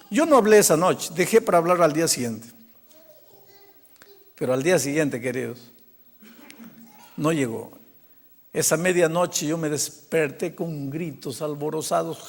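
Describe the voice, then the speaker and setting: Older pastor guy telling a story in a sermon, highish voice, big echoey hall. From Peru. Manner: animated storytelling, acting out quoted dialogue with hushed emotional drops. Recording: long hall reverb.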